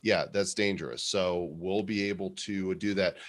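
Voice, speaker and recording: A man's voice: low voice, steady tone, moderate pace. A man co-hosting a live show in casual, rambling, conversational talk. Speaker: co-host of a show about NFT art.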